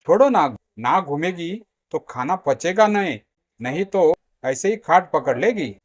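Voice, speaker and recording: A man's voice: a little high, animated, unhurried. A man doing a careless young husband. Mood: dismissive. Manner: offhand, dismissive. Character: easygoing young husband, dismissive son.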